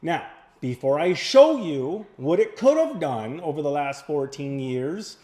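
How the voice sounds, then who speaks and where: A man hosting as a financial advisor, speaking emphatically and informally, pressing points and repeating figures to be clear. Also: a little high, lively intonation, unhurried, warm tone. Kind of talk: probing questioning on a call and explainer to viewers.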